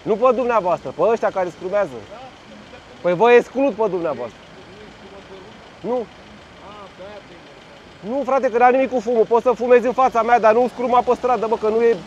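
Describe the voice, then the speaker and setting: High-voiced, blunt-talking man cycling. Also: pauses often, muffled recording, slight background noise. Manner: loud, blunt, swears freely at other road users. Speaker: cycling vlogger. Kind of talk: casual running commentary while riding. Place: outdoors on city streets in traffic.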